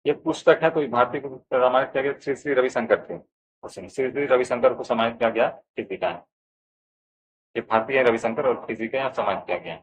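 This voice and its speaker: A man's voice: mid-range voice, brisk, dull audio, a little hiss or hum. Male Hindi tutor walking through exam answers. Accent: Bihari Hindi. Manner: addresses viewers as friends, steady explanatory pace. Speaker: exam coaching teacher. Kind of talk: answer key walkthrough lesson.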